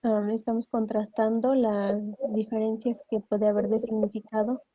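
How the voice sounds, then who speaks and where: Estudiante vacilante de voz muy oscura. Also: female voice, on the high side, little pitch movement, moderate pace, dark tone, dry recording, lo-fi sound. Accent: Mexican Spanish. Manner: hesitant, searching for words. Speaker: university student. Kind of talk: answering in online class. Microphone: video call audio.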